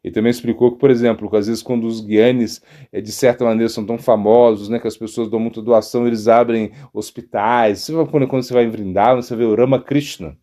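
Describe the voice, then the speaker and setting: A man's voice: medium pitch, fast talker, hardly any pauses. A man, a monk giving a spiritual talk, telling a story with many restarts and tag questions. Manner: animated storyteller, frequent "né?" and restarts. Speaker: monk teaching devotional philosophy.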